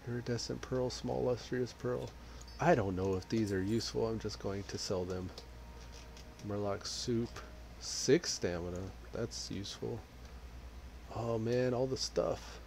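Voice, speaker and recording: Male streamer, casual, low, slow talker, quiet keyboard typing. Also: creaky, slight background noise. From Texas. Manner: relaxed, reads chat aloud while playing. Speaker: gaming streamer. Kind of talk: casual live-stream commentary.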